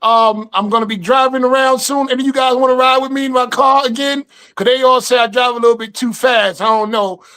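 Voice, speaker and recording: A man's voice: very high-pitched, fairly even intonation, a little fast, hardly any pauses, pushed and bright, smooth. A man chatting casually, playful and teasing, often breaking into laughter. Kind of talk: casual chat.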